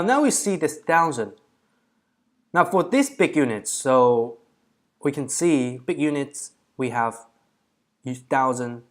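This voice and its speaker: Walking through a problem for a coding challenge he hosts, a man muses out loud in a relaxed way. He tallies up digits, catches his own mistakes, and speaks at a medium pitch.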